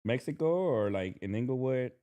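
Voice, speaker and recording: A man hosting a podcast, asking loose, relaxed questions full of fillers. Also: medium pitch, normal speed. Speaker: podcast host. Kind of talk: casual interview chat.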